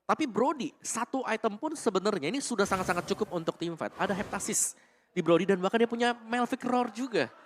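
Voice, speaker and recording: A man's voice: sits high, lively intonation, fairly quick, a little hiss or hum. A man giving analytical commentary as an esports caster.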